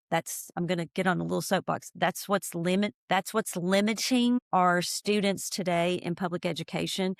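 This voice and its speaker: This East Tennessee woman, an ESL teacher, has a voice on the low side and talks with earnest energy in a conversational interview, leaning into her points with emphasis. The recording is dry and of studio quality.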